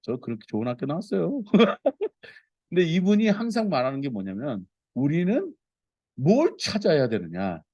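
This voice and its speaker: A man preaching a Sunday sermon as a pastor, earnest and expressive, reading scripture aloud with feeling. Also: a little high, brisk, dry recording, highs cut off.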